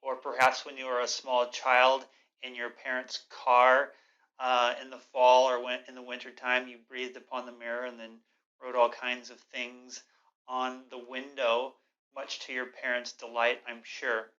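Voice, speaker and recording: A man teaches a yoga breathing practice with a clear-cut bright tone and mid-range pitch. He explains and guides in a measured, gently instructive manner. The recording is a little dull and lo-fi. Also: monotone.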